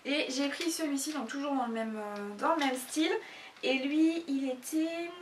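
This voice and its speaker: Woman rambling casually with lots of ums, a bit high-pitched, kinda far from the mic. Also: sharp tone, slight background noise. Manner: hesitant, many fillers. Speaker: YouTuber. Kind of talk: casual haul video chat. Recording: echoey room, mic at a distance.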